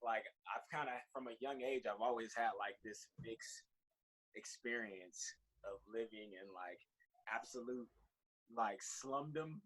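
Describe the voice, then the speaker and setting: A man's voice: mid-range voice, measured pace, fairly bright tone, poor audio. A man from California, a podcast guest chatting casually in loose, swear-filled storytelling.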